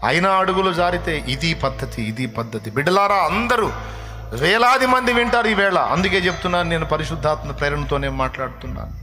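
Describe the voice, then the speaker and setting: High-voiced man preaching with impassioned pleading. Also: animated, brisk, sharp tone. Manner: impassioned, pleading, repeats phrases in cascades. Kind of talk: emotional sermon with sung hymn lines. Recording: clear music bed underneath.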